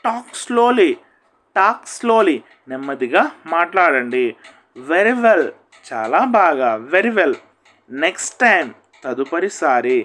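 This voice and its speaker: A man teaching spoken English, saying each phrase, giving its meaning and repeating it slowly. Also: a little high, big pitch swings, fairly bright tone, poor audio. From India. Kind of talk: spoken English drill lesson.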